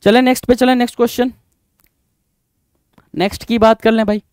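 A man's voice: very high-pitched, fairly even intonation, a little fast, a little mellow, clear, resonant tone, dry recording, clean studio sound. A young Indian man teaching English grammar in a live online exam-prep class, addressing students as "bhai", repeating points and asking rhetorical questions. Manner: addresses students as bhai, answers chat comments by name.

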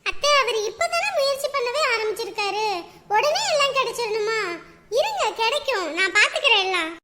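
A caring young wife in a home drama, played by a woman, with a very high, ringing voice that talks softly and soothes the people around her. her tone is clear and bright, and she sounds patient and devoted. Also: expressive, brisk, full character voice. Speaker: actor. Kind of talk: web drama acting.

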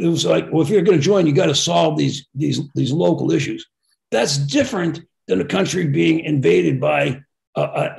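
A man's voice: fairly high pitch, vocal fry, darkish tone. A man speaking on a webinar panel, blunt and opinionated, with many stammered restarts. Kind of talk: policy discussion.

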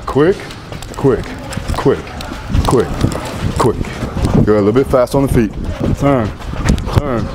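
A man's voice: medium pitch, takes it slowly, long pauses, heavy background noise. A man in his thirties coaching a workout in a gym, calling out punchy, repetitive commands and encouragement. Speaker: strength coach. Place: large indoor gym. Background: music.

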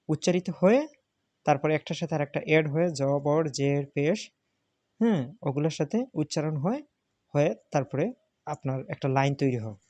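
A man's voice: a little high, darkish tone, no room sound. Patient man repeating letter names. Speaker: Arabic alphabet teacher. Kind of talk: step-by-step spoken lesson.

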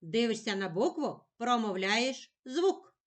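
Slow singsong teacher woman. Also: on the high side, sing-song. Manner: sounds words out slowly, in a patient, singsong way. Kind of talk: slow lesson for young children.

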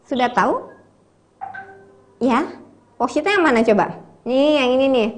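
A woman's voice: sits high, lively intonation, normal speed, slight background noise. A woman with an Indonesian accent teaching kindergarten children over a video call, patient and encouraging. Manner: patient, encouraging, repeats a child's name often. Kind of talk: live online class for young children.

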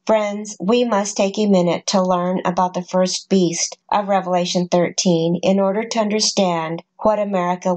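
A woman narrates a scripted Bible study in a steady, measured voice. Her pitch sits in an ordinary middle range, and she lays out each numbered point and verse plainly and deliberately. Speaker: prophecy narrator.

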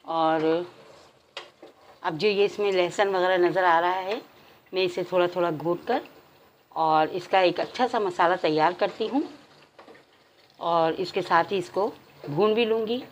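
A woman hosting a cooking channel, giving calm step-by-step recipe instructions to her viewers in a home kitchen. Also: lowish voice, a little slow, long pauses, slight background noise, poor audio.

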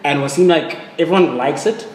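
A man's voice: on the high side, a little fast, a little mellow, a little hiss or hum. A young man asking questions as a casual interviewer. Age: young adult. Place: indoor bar-restaurant. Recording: roomy restaurant sound with music.

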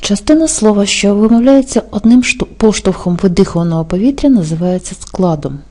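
A woman teaching an exam-prep language lesson, explaining rules slowly and carefully and spelling out example words. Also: medium pitch, lively intonation, dark tone. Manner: slow, careful dictation-like delivery.

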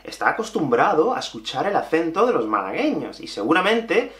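A young Andalusian man teaching Spanish, his voice swinging up and down as he drives each point home. He sits a little high in pitch, and the room gives him a noticeable echo. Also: a little fast. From Andalusia, Spain. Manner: animated and emphatic, repeating key points. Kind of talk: lively video lesson.

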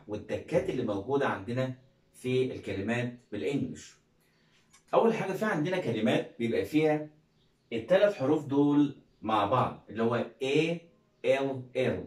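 A man's voice: medium pitch, far from the mic. A man with an Egyptian Arabic accent teaching English pronunciation, calling out words and asking viewers to repeat them with him. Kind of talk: phonics lesson for learners. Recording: roomy, from off the mic.

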